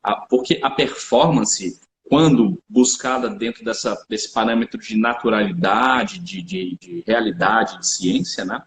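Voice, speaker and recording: A researcher who founded a supplement company talks through health topics during a live-stream conversation, his medium-pitched voice animated and unhurried. He lectures, frequently checking in with tag questions. The room is echoey, with faint noise in the background.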